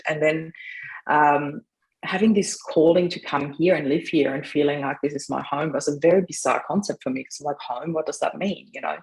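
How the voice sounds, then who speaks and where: A middle-aged woman from Austria talks as a podcast guest, telling her story in a relaxed way. She is chatty, laughs readily and fills pauses with "um" and "you know". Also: deep voice, rough recording. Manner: chatty, laughs often, trails off with fillers. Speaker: mindset coach. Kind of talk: casual interview.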